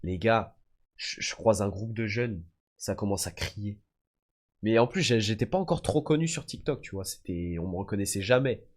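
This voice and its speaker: A man's voice: on the low side, expressive, moderate pace. A young French man streaming live, telling stories to his viewers in a slangy, casual way, calling them "les gars" and "frère". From France. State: often sick. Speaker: livestreamer. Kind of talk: casual storytelling chat.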